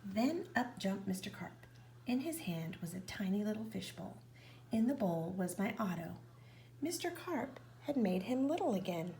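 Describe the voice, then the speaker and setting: A woman reads a children's picture book aloud, often dropping into a hushed whisper. Her voice is gravelly and sits at a middle pitch. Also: normal speed, slight background noise. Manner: expressive, often whispered narration. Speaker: reader.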